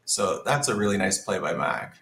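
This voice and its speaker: Male game commentator, low-pitched, analytical, thinks aloud, roomy echoey sound. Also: expressive, moderate pace, gravelly, fairly bright tone, slight background noise. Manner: analytical, thinks aloud while reading the board. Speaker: Scrabble commentator.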